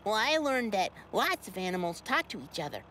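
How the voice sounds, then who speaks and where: A giggly, high-voiced little boy. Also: sing-song, brisk, sharp tone, a little hiss or hum, full character voice. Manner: bubbly, giggly, eager. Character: young boy, curious and excitable. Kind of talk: children's puppet show acting.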